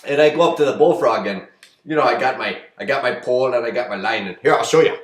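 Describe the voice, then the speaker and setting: A man giving a rambling, deadpan comedic how-to monologue, full of fillers and restarts. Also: medium pitch, quick pace. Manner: rambling folksy delivery with many fillers and restarts. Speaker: comedic vlogger. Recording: echoey roomy sound.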